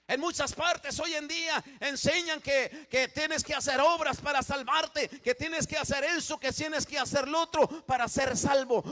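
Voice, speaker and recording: A man preaching a sermon as pastor in a church, swinging from hushed, quiet passages to loud emphatic ones and often repeating and restarting his phrases. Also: extremely high pitch.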